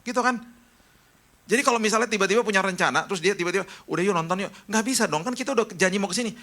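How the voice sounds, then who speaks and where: Man, pastor, lively storytelling sermon, bright clear tone, fairly high voice. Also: racing. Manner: animated storytelling, acting out friends' voices.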